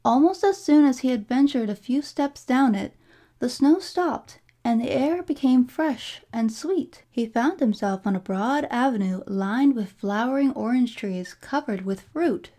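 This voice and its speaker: A woman with a fairly high, softly mellow voice reads a classic fairy tale aloud. Her delivery is measured and formal, in the scripted manner of a storybook narrator. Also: animated. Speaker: storybook reader.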